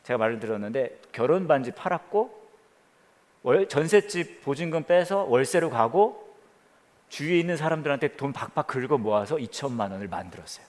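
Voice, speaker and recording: A man preaching as a pastor, telling a story with quoted voices and dropping to a hush near the prayer. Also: medium pitch, animated, a little fast, in a large hall. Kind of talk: sermon. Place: church during the pandemic.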